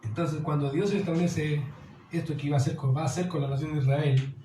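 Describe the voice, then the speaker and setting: A pastor delivers an earnest sermon, his voice pitched fairly high yet mellow in tone. He keeps asking his listeners rhetorical questions. The echoey church hall carries a faint hiss of noise. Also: fairly even intonation, brisk. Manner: earnest preaching, calls listeners "dear", asks rhetorical questions.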